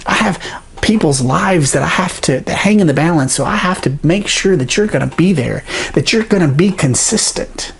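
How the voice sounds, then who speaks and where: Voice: medium pitch, expressive, normal speed, gravelly, husky, full character voice. A preacher voicing an anxious pleading servant.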